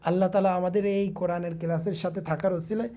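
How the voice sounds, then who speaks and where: Female Quran teacher, mellow and warm, drills letter sounds one by one and asks the viewer questions. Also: fairly low pitch, steady tone. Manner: repeats letters slowly, quizzing the viewer. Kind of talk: online recitation lesson.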